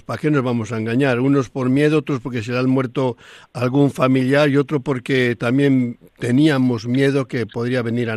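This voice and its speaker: A man's voice: medium pitch, darkish tone, no echo. A man, a radio host interviewing a guest in a friendly, conversational way.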